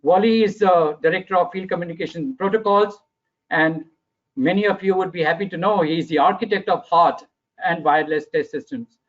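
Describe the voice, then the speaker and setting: A man from India with an Indian English accent opens a webinar and introduces the speakers formally, pausing often on uhs. His voice sits fairly high, and the audio is muffled and lo-fi. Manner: formal, hesitant with many uhs. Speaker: regional marketing director and webinar moderator.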